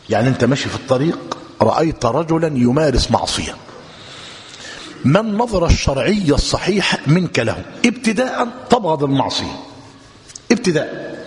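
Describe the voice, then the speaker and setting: A man with an Egyptian Arabic accent giving a classroom religious lesson, dictating notes and quizzing his students in a lively teacherly way. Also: mid-range voice, slight background noise. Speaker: sheikh teaching a book commentary. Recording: long hall reverb.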